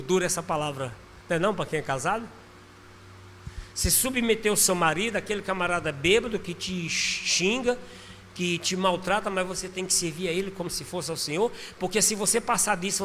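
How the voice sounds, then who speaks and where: Male pastor, sharp and bright, preaching in a church hall with faint noise behind. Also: sits high. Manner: lively preaching with sudden loud bursts and laughs. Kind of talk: sermon.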